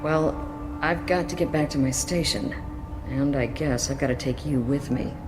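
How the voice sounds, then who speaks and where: An actress playing a wry, weary police detective in a video game, speaking in a dry, reluctant way. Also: female voice, extremely low pitch, moderate pace, over music. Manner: dry, reluctant, plain-spoken.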